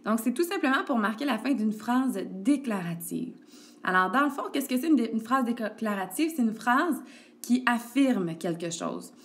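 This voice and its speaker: A woman's voice: a little high, expressive, normal speed. A woman, an elementary school teacher giving a recorded grammar lesson and speaking straight to a child, patient, with lots of "ok" and "donc". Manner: patient, addresses the child directly with frequent "ok" and "donc". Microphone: tablet screencast recording.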